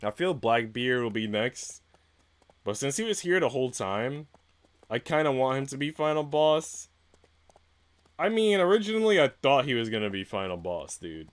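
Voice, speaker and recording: In a sing-song, mid-range voice at a moderate pace, a man reads a visual novel aloud during a live stream. He also chats casually with slang and some mild swearing.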